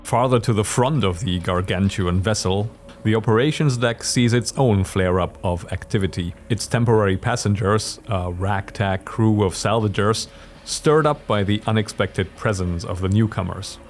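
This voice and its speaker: A man hosting and narrating a solo tabletop role-playing podcast in a measured, descriptive storytelling manner. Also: lowish voice, a little hiss or hum. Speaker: host and narrator.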